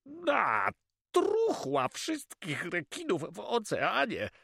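A man voicing a loud, hot-tempered male pirate who blusters and swears by sharks in an audiobook. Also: medium pitch, sing-song, slow pace, no echo, clean studio sound, pitched above the performer's own voice, full character voice. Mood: furious. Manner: blustering, shouts sea-themed curses. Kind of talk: audiobook character voice.

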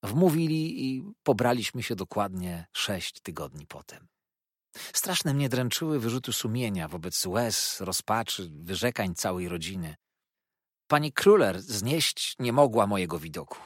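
A man's voice: lowish voice, sing-song, measured pace, no echo, studio quality. A man reading an audiobook, voicing a cheerful young male lawyer who rambles eagerly about his new marriage. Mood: effusive.

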